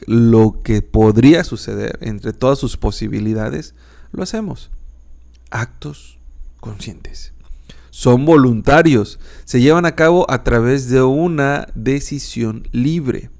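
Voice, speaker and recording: A man's voice: mid-range voice, takes it slowly, vocal fry, a little mellow. A man with a northern Mexican accent, teaching philosophy as a podcast host in an informal, emphatic way, repeating key words.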